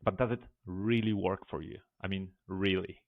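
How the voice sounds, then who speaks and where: A man's voice: low voice, fairly even intonation, normal speed, no echo. A man from Poland, hosting the interview, asking questions with many stammered repeats. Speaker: podcast host. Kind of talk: casual interview conversation. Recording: tinny phone-like call line.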